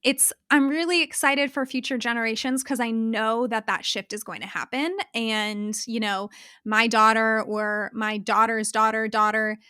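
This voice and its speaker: Woman guest, passionate and animated, bright tense voice, dry close sound, stumbles and restarts when excited. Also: on the high side, normal speed, smooth, dry recording. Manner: passionate, animated, laughs often; self-correcting restarts when worked up. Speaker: guest, fashion brand founder. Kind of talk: conversational podcast interview.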